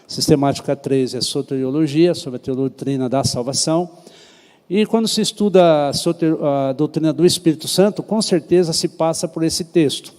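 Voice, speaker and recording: The long reverb points to a large church hall, where a Brazilian Portuguese-accented pastor runs a Sunday school Bible class. His voice is fairly high, mellow and relaxed, and he chats with the group, constantly asking them questions.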